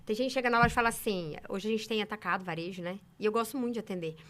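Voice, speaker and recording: A woman from Brazil telling sales stories in a casual interview, emphatic and animated. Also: mid-range voice. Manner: animated, emphatic, quick talker. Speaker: saleswoman guest.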